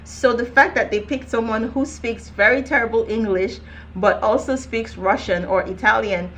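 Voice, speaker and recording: A woman's voice: on the high side, a little hiss or hum. A young woman coaching viewers on careers, talking to camera in a direct, emphatic, conversational way. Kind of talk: casual advice vlog.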